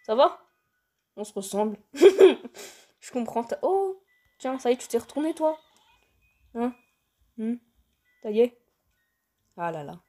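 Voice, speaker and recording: A woman's voice: fairly high pitch, sing-song, slow pace, pauses often, mellow. A playful young woman giving casual gameplay commentary, talking to the game characters and breaking into squeals and laughs. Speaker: gaming youtuber.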